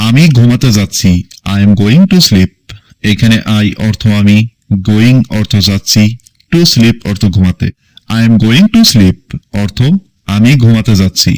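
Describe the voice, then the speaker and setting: A man teaching English in a scripted lesson, reading each sentence slowly and deliberately, then breaking it into parts. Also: fairly low pitch, darkish tone, no echo, poor audio. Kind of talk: scripted phrase-by-phrase language lesson.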